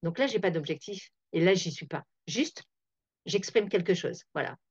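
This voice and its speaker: A woman's voice: on the low side, expressive, normal speed, husky, no room sound. A woman hosting a reflective talk, thinking aloud with many fillers and restarts. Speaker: host. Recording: dull, dry lo-fi sound.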